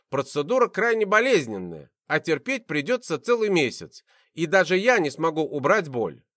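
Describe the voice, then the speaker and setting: A man reading a first-person audiobook in an expressive, animated way, into a close studio mic. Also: on the high side, no room sound. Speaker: audiobook narrator.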